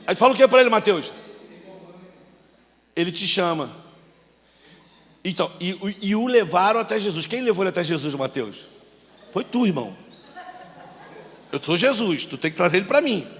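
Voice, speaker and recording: Animated high-voiced pastor. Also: male voice, brisk, big-room sound. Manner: coaching volunteers, shouting cues and joking. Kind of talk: sermon with a staged Bible scene.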